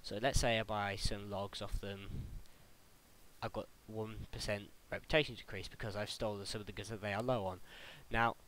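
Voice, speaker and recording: Young British male tutorial host, lowish voice, chatty and a bit stumbly, faint hiss on the mic. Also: low-quality recording. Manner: chatty, stumbles and restarts, laughs at own slips. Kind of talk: casual game tutorial voice-over.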